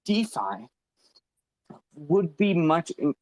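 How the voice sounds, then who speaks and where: A man's voice: on the high side, very animated, very slow, no echo, rough recording. A man speaking as a guest on a live online audio panel, passionate, profane and rambling. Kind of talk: impassioned live audio-room talk. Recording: online audio-room stream.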